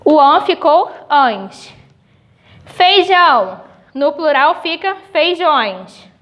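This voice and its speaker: A woman's voice: high voice, big pitch swings, highs cut off. Patient Brazilian woman teaching children. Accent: Brazilian Portuguese. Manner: patient, spells out sounds slowly. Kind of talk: recorded grade-school lesson.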